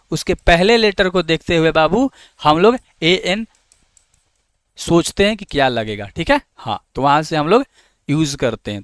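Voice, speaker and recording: A man teaches an exam-prep grammar lesson, coaxing his students along and answering his own questions for them. His voice sits somewhat high and sounds smooth and clear. The recording is close and dry, with no room sound. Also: a bit bright, dry recording. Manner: coaxing, calls students "babu".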